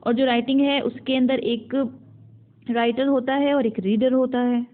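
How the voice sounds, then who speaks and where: A woman's voice: high-pitched, fairly even intonation, measured pace. A woman teacher with an Indian accent explaining a university English syllabus topic, often restating her points and mixing in English terms. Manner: explains in Hindi mixed with English terms, repeating and rephrasing. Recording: phone-like narrow sound.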